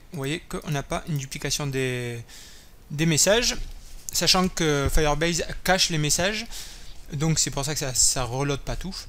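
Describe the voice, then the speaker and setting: A man whose voice is on the high side and a bit bright hosts a screen-recorded coding tutorial. He thinks aloud while typing, with lots of fillers and self-corrections, and keyboard typing and clicks can be heard.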